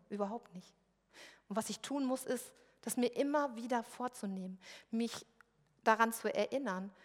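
Woman preaching in a reverberant church. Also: a little high. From West Germany. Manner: conversational, personal storytelling. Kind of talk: sermon. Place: church service room.

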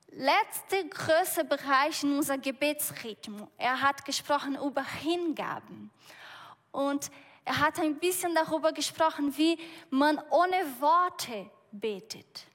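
A woman gives a sermon in a high voice, talking slowly and feeling her way through each sentence. She often breaks off and starts her words again. The sound rings with the long reverb of a large hall. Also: a bit bright. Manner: slow, searching storytelling with frequent restarts. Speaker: preacher.

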